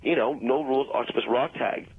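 A man's voice: mid-range voice, a little fast, breathy edge, no echo. A man on the phone rambling insistently through a long explanation, getting flustered when he is not being listened to. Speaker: phone-in guest. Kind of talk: comedic phone conversation. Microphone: telephone. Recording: tinny phone line with faint music.

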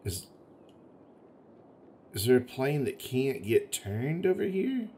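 Hiccuping through a city-building game, a male gaming video host keeps up relaxed, chatty commentary, musing aloud and occasionally complaining about the game. He speaks slowly in a warm, mid-range voice with big pitch swings, and there's slight background noise.

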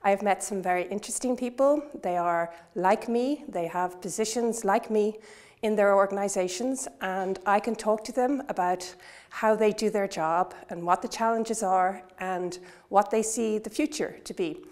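A woman in her thirties gives a calm, articulate testimonial to camera in a classroom. Her pitch sits in a middle range and she weighs her words as she goes. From Ireland. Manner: measured, articulate, reflective. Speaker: course participant. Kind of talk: testimonial interview. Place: classroom by a window.

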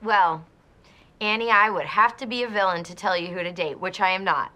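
A woman's voice: mid-range voice, brisk, bright, forceful tone, faint music behind, close to an everyday voice. An actress playing a blunt, sarcastic, rebellious young woman in a sitcom. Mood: breezy. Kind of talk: sitcom acting.

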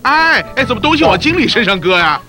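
A teasing male mentor in a comic training video. He is high-pitched and very animated, chatty, exclamatory and sarcastic, with a Taiwanese Mandarin accent and music behind him. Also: fast. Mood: mocking. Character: teasing, scolding male narrator-mentor coaching a newcomer. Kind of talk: comic instructional narration.

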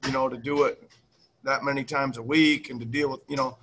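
His voice is medium-pitched, steady, brisk, and fairly bright, with a slight hiss or hum on the audio. He's a middle-aged basketball head coach at a post-game press conference on a video call, seated in a small room before a team backdrop and using a webcam mic. His answers ramble, with repeated words and restarts.

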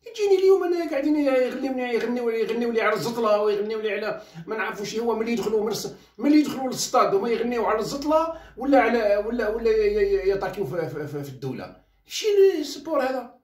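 Fast-ranting Algerian man, echoey room. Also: high-pitched. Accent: Algerian Arabic. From Algeria, Khenchela. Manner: heated, mixes French phrases into Arabic. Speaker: journalist. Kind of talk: ranting commentary. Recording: roomy echo, mic set at a distance.

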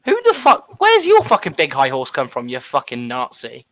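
A man's voice: mid-range voice, wildly swooping pitch, normal speed, fairly bright tone. A man in a gaming voice chat who throws out crude trolling insults.

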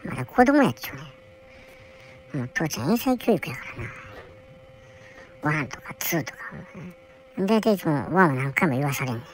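A woman's voice: sits low, sing-song, a little fast, pauses often, a little hiss or hum, poor audio. Woman voicing a whiny polar bear cub. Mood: bored grumbling. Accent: Kansai. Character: bored young male polar bear cub, whiny and rambling. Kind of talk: comic character monologue.

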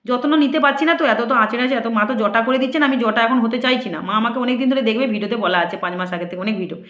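High-voiced indignant woman in an echoey room. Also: fast talker, fairly bright tone. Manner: indignant, rhetorical questions to viewers. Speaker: temple priestess. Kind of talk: casual monologue to viewers.

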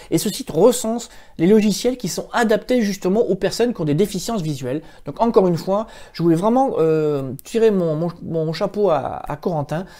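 A man's voice: sits high, dark tone. A man hosting a computer help video, talking informally about websites he recommends, often restarting his sentences. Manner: informal, rambling, with frequent restarts. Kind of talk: casual spoken tech recommendations.

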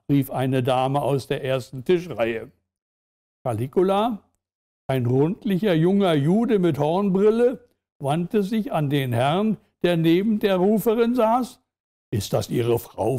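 Slow, mellow-voiced male book reader. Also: high-pitched, animated. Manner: slow, deliberate, with fillers. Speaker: literature show host. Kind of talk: book talk and reading aloud.

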